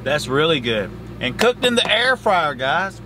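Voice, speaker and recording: Chatty trucker vlogger. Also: male voice, on the high side, sing-song, measured pace. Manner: chatty, folksy, talks straight to camera. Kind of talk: casual cooking vlog. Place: truck sleeper cab, later outdoors at a fuel stop. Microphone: handheld camera close up. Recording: noisy truck and road ambience.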